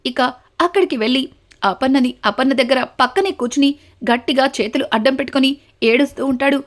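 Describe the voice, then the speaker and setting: A woman with a notably high voice tells a TV serial episode as a story. She moves steadily from one event to the next, tying them together with the same linking words again and again. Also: brisk. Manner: steady retelling, links events with repeated connectives.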